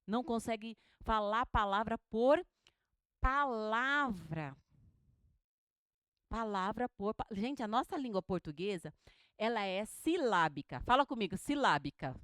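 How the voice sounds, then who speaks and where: A woman teaching a homiletics class, animated and questioning, who drills words syllable by syllable with her students. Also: on the high side, no room sound. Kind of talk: classroom lecture.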